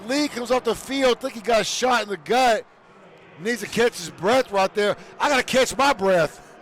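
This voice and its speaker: A man calling high school football play-by-play, shouting on big plays. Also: moderate pace. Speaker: play-by-play announcer.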